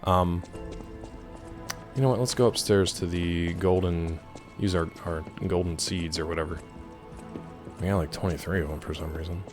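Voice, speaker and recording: A man's voice: low-pitched, steady tone, moderate pace, pauses often, music in the background. A man giving casual, rambling gameplay commentary, joking playfully as he chats with his viewers. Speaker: game streamer.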